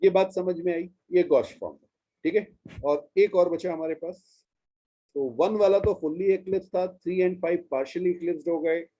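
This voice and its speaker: A man's voice: sits high, fairly even intonation, unhurried, warm tone, muffled recording, a little hiss or hum. A man from India teaching a chemistry class, explaining step by step in a patient way and drawing out key terms as he goes. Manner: patient, step-by-step explaining, addresses students as "beta". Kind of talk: classroom lecture.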